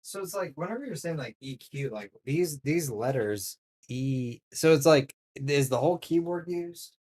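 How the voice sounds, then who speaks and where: A man's voice: a little high, lively intonation, normal speed, darkish tone. A man chatting casually about gaming, crude and profane, playing at mock anger in banter. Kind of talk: casual chat.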